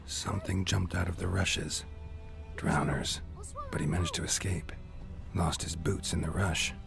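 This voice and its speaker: A man's voice: steady tone, music in the background, exaggerated voice. An actor playing a stoic, middle-aged male monster hunter in a video game, speaking tersely and dryly. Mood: focused. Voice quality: deep gravelly. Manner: terse, dry, unhurried. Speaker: witcher protagonist.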